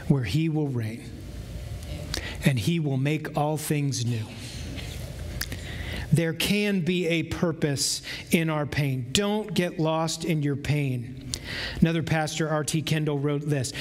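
Slow, emphatic man preaching in a hall. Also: a little high. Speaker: pastor. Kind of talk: sermon. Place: large church sanctuary with stage. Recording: long hall reverb, faint room noise.

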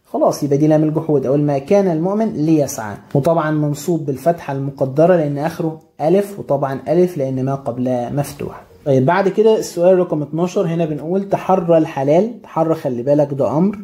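A man's voice: a little high, rapid-fire, warm tone. A man with an Egyptian Arabic accent teaching an Arabic grammar lesson, working through exam questions by asking and answering his own questions and repeating key terms.

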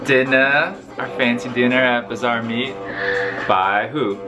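A man joins his partner in a casual couple vlog, relaxed and a little teasing. He talks slowly and easily in a mid-pitched voice. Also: music in the background.

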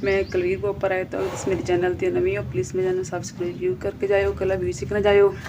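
A woman's voice: mid-range voice, monotone, very fast, noisy background. A woman in her thirties from Punjab with a Punjabi accent, talking casually to her vlog viewers in a plain-spoken, scolding way. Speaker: vlogger.

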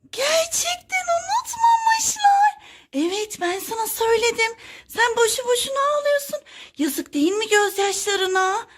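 A woman's voice: extremely high pitch, lively intonation, moderate pace. A woman hosting a children's toy play video, exclaiming and coaxing as she talks to kids.

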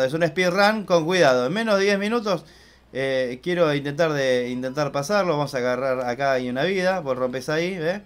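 Young Argentine gaming host, high-pitched, chatty, excitable, swears loudly at the game. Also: male voice. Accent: Argentine Spanish. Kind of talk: casual let's-play commentary.

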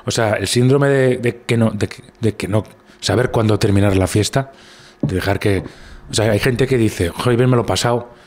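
Spanish male guest, husky and low, rambling storyteller in casual chat. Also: moderate pace, darkish tone. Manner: rambling anecdotes with many restarts. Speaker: guest comedian. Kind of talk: casual conversation.

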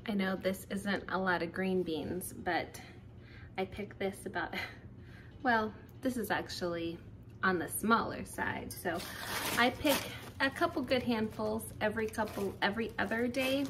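A woman's voice: mid-range voice, unhurried, noisy background. A woman in her thirties chatting casually as she bakes in her home kitchen, rambling with fillers and little laughs, recorded on a phone camera. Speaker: home cooking vlogger. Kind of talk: casual chatty baking tutorial.

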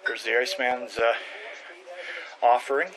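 An older man rambling casually, with many pauses and restarts, into a webcam at close range in a small room at home. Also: medium pitch, little pitch movement, a crowd in the background, low-quality recording. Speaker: hobby carver and channel host. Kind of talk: casual home video show-and-tell. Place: small room at home with shelves of model trucks. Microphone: webcam close to the face.

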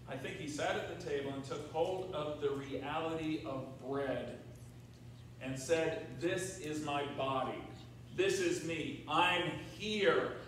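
A high-pitched American pastor with a fairly bright male voice preaches a sermon from the pulpit of a large church sanctuary. He keeps it conversational, asking rhetorical questions and checking in with the congregation. A distant camera in the room picks him up, so the sound is very echoey with faint noise.

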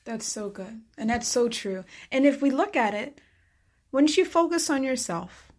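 Female host, a touch high-pitched, warmly affirming guest in casual interview. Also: animated, a little slow. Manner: affirming, encouraging, frequent "yes" and "that's so good". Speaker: podcast host.

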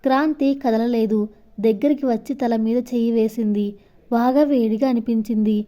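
A woman storyteller reading a scripted story in a steady, even manner. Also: fairly high pitch, normal speed.

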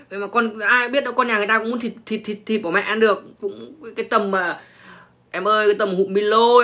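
Young man, slangy and profane, stumbling restarts, slightly high voice. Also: a bit bright. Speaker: online personality telling stories. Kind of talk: crude casual storytelling monologue.

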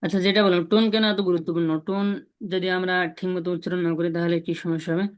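A man teaching a Chinese class online. He repeats syllables slowly and asks his students questions as he goes. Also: high-pitched, fairly even intonation, clean tone. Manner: drills syllables slowly, repeating them often.

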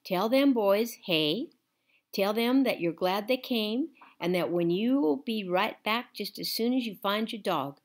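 A woman voicing an older woman who speaks warmly but firmly, in a raised, brighter voice. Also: medium pitch, lively intonation, measured pace, pitched above the performer's own voice. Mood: firm, gentle.

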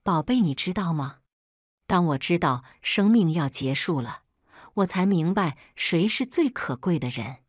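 A woman's voice: fairly low pitch, expressive, measured pace, dry recording, clean studio sound. A woman voicing a remorseful, dying middle-aged father who begs his family for forgiveness in a read-aloud story. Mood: pleading. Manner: pleading, apologetic. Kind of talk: storybook character reading.

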